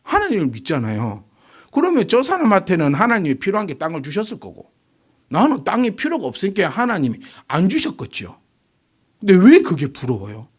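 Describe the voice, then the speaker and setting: A man's voice: high voice, wildly swooping pitch, brisk, slightly rough. A pastor in his forties preaching a sermon, firing rhetorical questions at the congregation. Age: 40s.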